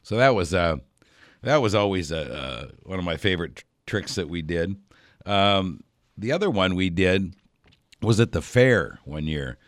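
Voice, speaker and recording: A man's voice: sits low, expressive, unhurried, dry recording, clean studio sound. A man hosting a radio outdoors show, telling a rambling story with lots of fillers and chuckles. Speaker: radio host.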